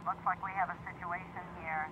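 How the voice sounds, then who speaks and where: Male gamer doing a high-voiced patrol cop calling it in, noise behind. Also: level tone, a little fast, phone-quality sound, natural voice. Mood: urgent. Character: male police officer radioing in.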